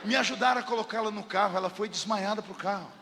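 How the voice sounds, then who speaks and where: A man with a Brazilian Portuguese accent preaching a lively, humorous storytelling sermon as a pastor, bursting into shouts. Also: sits high, fast talker, big-room sound, slight background noise.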